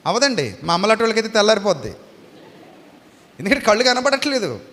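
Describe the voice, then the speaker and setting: Male preacher, high bright voice, emphatic and repetitive, long hall reverb on the recording. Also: very animated, quick pace. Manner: fires rhetorical questions at the audience. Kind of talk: Easter sermon.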